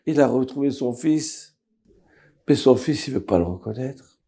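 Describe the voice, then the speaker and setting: A man, a rabbi, tells a story dramatically and drops to a hush at tense moments. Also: mid-range voice, lively intonation, measured pace, vocal fry, breathy edge.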